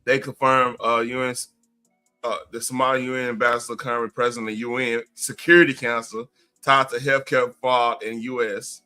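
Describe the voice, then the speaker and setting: A man co-hosting a livestream who reads news stories in casual chat, halting as he searches his screen, with hiccups. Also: medium pitch, little pitch movement, bright, forceful tone, clean tone, soft background music. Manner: halting, searching for things on screen mid-sentence. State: has hiccups. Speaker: livestream co-host.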